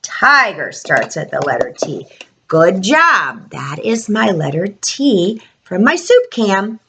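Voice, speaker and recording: Slow singsong woman teaching young children. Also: medium pitch, very animated, noisy background. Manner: broad singsong children's-presenter delivery with prompting questions; addresses young children, stretching key words. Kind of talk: children's alphabet lesson.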